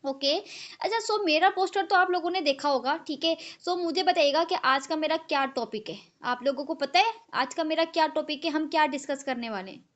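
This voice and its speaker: A woman leading an online team training, mixing English into her talk and filling pauses with a steady refrain of okay. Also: sits high, muffled recording. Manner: mixes English and Hindi, fills with "ठीक है"; slows down to spell out key terms. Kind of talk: live online training session. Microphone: video call.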